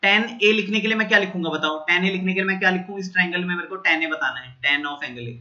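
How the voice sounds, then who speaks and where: A man's voice: high-pitched, quick pace, sharp tone, muffled recording. A man teaching a maths lesson at a board, going through steps and checking in with students often.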